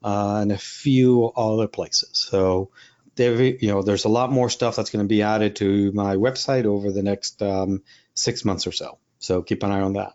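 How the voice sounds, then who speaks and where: Heard through lo-fi sound, a Spanish-speaking Puerto Rican wildlife photographer and workshop leader gives a casual, rambling interview full of fillers and restarts. His lowish voice is darkish in tone, with fairly even intonation at a moderate pace.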